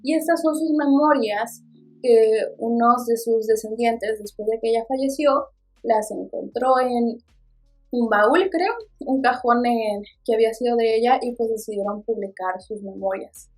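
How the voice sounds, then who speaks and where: A woman's voice: fairly high pitch, a little slow, a little mellow, faint music behind. A woman with a Mexican accent, a book vlogger chatting casually and expressively about her reading, with playful asides. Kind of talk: casual book review chat.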